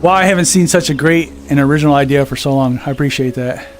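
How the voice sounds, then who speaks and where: A man's voice: medium pitch, fast. A man chatting casually on a live game stream, out of breath from walking on a VR treadmill and reading viewer comments aloud. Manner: reads viewer comments aloud and chats back. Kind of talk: casual live-stream chat while gaming. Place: home gaming setup on a VR treadmill.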